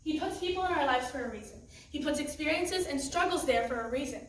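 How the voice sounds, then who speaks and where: High-voiced teen girl giving testimony. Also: animated, fast talker. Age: teens. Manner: earnest, emotional, laughs nervously. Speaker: youth group student speaker. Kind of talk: personal testimony talk. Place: church youth room. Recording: echoey room, mic far off.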